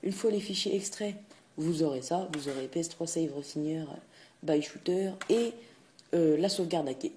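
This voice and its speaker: A man hosts a casual screen-recording tutorial for a video game, sounding hesitant, filling it with fillers and restarts, and saying "tac" at every click. His voice is a little high and darkish, his pace moderate, with slight background noise.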